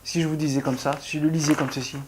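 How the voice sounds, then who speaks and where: A middle-aged ballet class accompanist talks through a casual lesson at a middle pitch. The delivery is halting, full of restarts and repeated words, as rhythm and breathing are shown along the way. A light hiss sits under the voice. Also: little pitch movement. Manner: explains while demonstrating rhythm and breathing.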